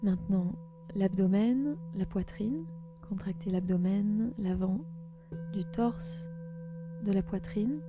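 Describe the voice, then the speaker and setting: A woman guides a meditation as a podcast host and yoga nidra teacher, with music playing underneath. Her mid-pitched voice is calm and gentle. She gives slow instructions in spaced phrases with pauses between them.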